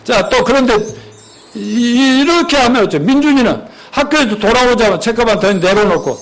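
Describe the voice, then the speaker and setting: A man's voice: very high voice, fairly quick, soft background music, low-quality recording. A man preaching a sermon as pastor, animatedly acting out everyday dialogues. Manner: animated, acts out dialogues in different voices.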